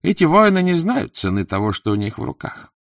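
A man's voice: on the high side, sing-song, vocal fry, no room sound, clean studio sound, pitched above the performer's own voice. A man voicing a plaintive, wheedling older male merchant held as a slave, sighing and complaining as he talks. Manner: whiny, sighing, fast-talking complaints.

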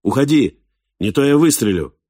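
A man voicing a wary adult male traveler who speaks loudly and commandingly. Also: medium pitch, sing-song, normal speed, dry recording, studio quality, pitched above the performer's own voice. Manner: loud, commanding.

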